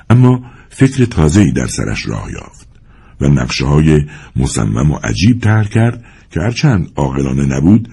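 A male narrator reads a novel aloud in a very deep, husky voice. His delivery is expressive and animated, rising and falling with the drama of the story. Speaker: audiobook narrator.

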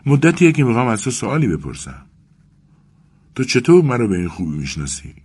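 A man's voice: low voice, big pitch swings, husky, pitched above the performer's own voice, exaggerated voice. A man voicing an anxious, tearful young clerk who pleads breathlessly in a raised voice. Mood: exhausted.

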